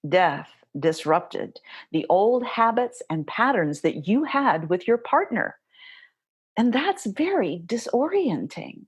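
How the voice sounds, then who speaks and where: Slow, soothing woman guiding meditation. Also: lowish voice. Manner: soothing, reassuring, addresses the listener directly. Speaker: grief meditation guide. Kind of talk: gentle instructional talk and guided meditation.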